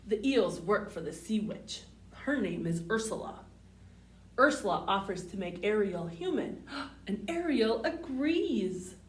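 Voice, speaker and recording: A woman with a mid-range voice and lively intonation speaks a little slowly as she hosts a children's storytime. She reads picture books expressively and asks the young listeners simple questions. The mic is distant in a roomy space, with faint background noise.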